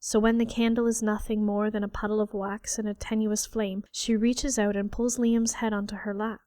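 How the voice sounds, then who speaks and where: Woman reading an audiobook, dark fairy tale, mid pitch, dry close mic. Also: flat delivery, moderate pace, dry recording. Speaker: audiobook narrator. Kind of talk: scripted narration.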